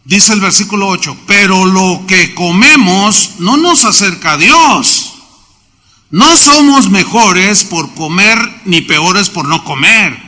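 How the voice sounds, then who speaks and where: A man preaching a sermon as pastor, telling stories with lively asides. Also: sits high, slow. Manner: storytelling preacher who acts out quoted voices. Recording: long reverb of a large hall.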